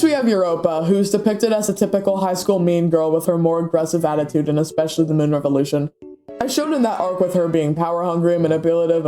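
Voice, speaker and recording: Stuffy-nosed male commentator, high but mellow voice, dry sarcastic rant, faint music underneath. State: stuffy from a cold. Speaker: YouTube commentator.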